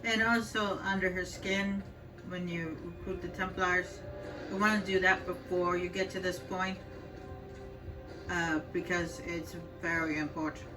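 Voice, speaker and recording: A woman's voice: fairly low pitch, steady tone, measured pace. Casual female gamer, slightly distant mic. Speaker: video game walkthrough host. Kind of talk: casual gameplay commentary. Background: video game music.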